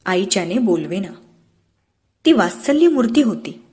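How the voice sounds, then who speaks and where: A woman narrating an audiobook with measured, expressive storytelling. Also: mid-range voice. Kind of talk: scripted narration of a classic novel.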